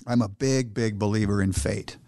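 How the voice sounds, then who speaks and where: A man's voice: lowish voice, moderate pace, dry recording, studio quality. A man telling a story in casual conversation, animatedly acting out the people he quotes. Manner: animated, acts out quoted voices. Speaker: guest entrepreneur.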